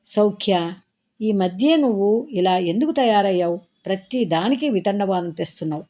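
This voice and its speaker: A woman's voice: mid-range voice, animated, moderate pace, mellow, pitched above the performer's own voice, natural voice. A woman reading a story aloud, voicing a young woman who scolds a friend angrily. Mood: angry. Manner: angry, scolding.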